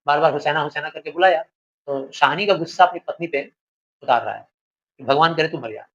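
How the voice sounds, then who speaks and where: A male teacher walks students through a story, paraphrasing each line and checking they follow with rhetorical questions. His voice sits a little higher than most men's, and the recording sounds somewhat dull. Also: a little fast, a bit bright, a little hiss or hum. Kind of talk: explaining a literature lesson.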